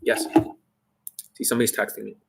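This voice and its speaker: Speaking fairly quickly in a slightly bright voice, a young male dating coach delivers a blunt, profane monologue to camera, packed with rhetorical questions for his viewers.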